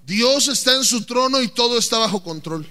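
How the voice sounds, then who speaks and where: A man preaching with a high, bright voice that swoops animatedly up and down. He is playful and theatrical, and he keeps firing questions at his listeners. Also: expressive, a little fast. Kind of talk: lively sermon.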